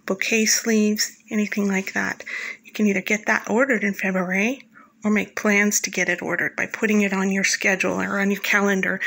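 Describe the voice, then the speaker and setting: Calm woman narrating a month-by-month guide. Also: mid-range voice, gravelly, rough recording. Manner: calm, instructive, talks directly to the listener. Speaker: flower farmer and channel host. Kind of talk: scripted voice-over narration.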